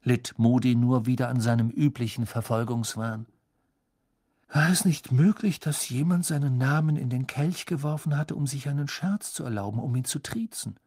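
Ein Mann liest ein Hörbuch ausdrucksvoll und dramatisch vor. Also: male voice, medium pitch, moderate pace, breathy edge, no echo, studio quality. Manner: expressive, dramatic storytelling. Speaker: audiobook narrator. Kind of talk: scripted audiobook narration.

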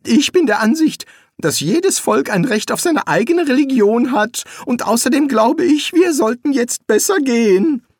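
A reader doing a high, flustered cowardly wizard. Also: expressive, a little slow, no echo, clean studio sound. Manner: hesitant, flustered, with ums. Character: nervous cowardly male wizard. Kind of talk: audiobook character voice.

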